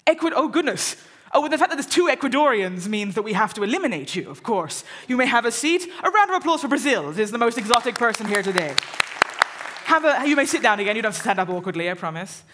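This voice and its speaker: English woman, lively pitch, joking host. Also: fast. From England. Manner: joking, chatty, teasing the crowd. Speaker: event host. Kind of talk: live audience interaction on stage. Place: lecture hall with live audience.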